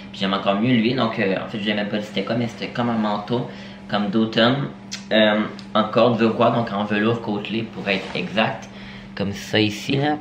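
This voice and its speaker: Young quebec guy vlogging at home, kinda low voice, lots of ums, little hiss. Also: steady tone, normal speed. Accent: Quebec French. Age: young adult. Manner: chatty, full of fillers and hesitations. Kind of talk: casual vlog chat. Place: at home, indoors. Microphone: camera.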